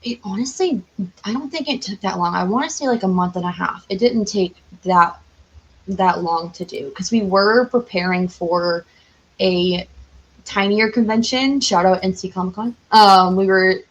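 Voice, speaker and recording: Her mid-range voice moving at a moderate pace, a young podcast guest chats with casual enthusiasm, wandering off on tangents and using "like" heavily. The sound is lo-fi.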